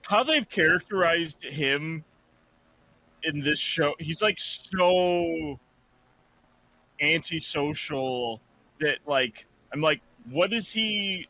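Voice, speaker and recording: A man's voice: on the high side, slow pace, sharp tone, no echo, rough recording. A man hosting a casual reaction chat, rambling with lots of "like" and restarts. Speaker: podcast host.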